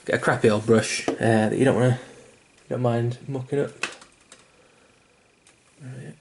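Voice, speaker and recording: An unhurried young man, his mid-range voice creaky and a little mellow and his tone steady, gives an easygoing miniature painting tutorial over slight background noise. He hiccups, rambles a little, uses fillers and restarts, and lets the occasional swear word slip in a mildly self-deprecating manner.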